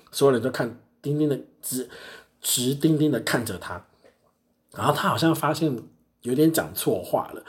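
A young man, hosting a podcast and telling stories in a chatty, self-mocking way. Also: medium pitch. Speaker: podcast host. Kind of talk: casual solo storytelling.

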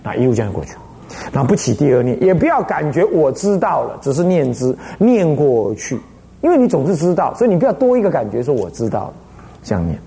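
A man's voice: a little high, big pitch swings, quick pace, mellow. An older man, a Buddhist abbot giving a dharma lecture in a teacherly way, often checking in with rhetorical questions.

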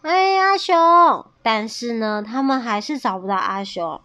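A woman reading a picture book aloud to a child, lively and animated, adding sound effects. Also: medium pitch, normal speed. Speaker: storyteller.

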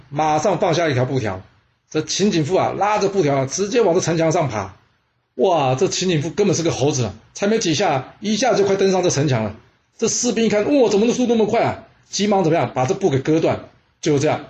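Guy telling an old war tale, super animated, lots of wow and what happened next. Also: a little high, muffled recording. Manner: exclamatory, dramatic, rhetorical questions. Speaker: storyteller. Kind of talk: lively historical storytelling.

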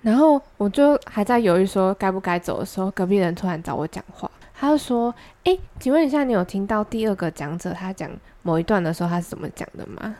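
A young woman with a Taiwanese Mandarin accent co-hosts a podcast, her mid-range voice moving at a quick pace with few pauses. In casual chat she tells a long, animated anecdote, acting out other people's lines as quoted dialogue.

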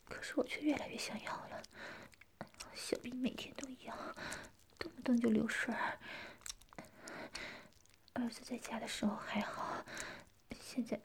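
Brief: woman playing a restless married daughter-in-law, high breathy whisper, whispered role-play, sighing and intimate. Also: steady tone, measured pace, long pauses. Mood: breathy longing.

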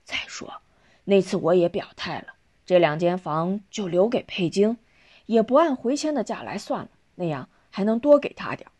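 Earnest old guy from an audiobook, read by a woman, steady and patient, voice rises and falls a lot. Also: mid-range voice, moderate pace, natural voice. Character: earnest older man, principled and patient.

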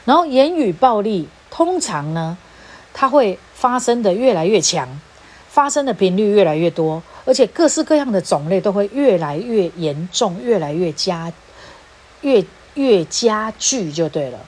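A woman's voice: medium pitch, sing-song, unhurried, husky. A woman with a Taiwanese accent giving an informal talk, slipping Hokkien phrases into her Mandarin. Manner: mixes Hokkien phrases into Mandarin, acts out quoted speech. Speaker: speaker on relationships. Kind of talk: informal lecture.

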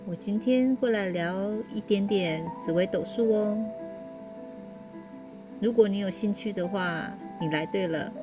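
A woman hosting a casual solo podcast, musing aloud in a chatty way with many hesitant fillers. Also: mid-range voice. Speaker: podcast host.

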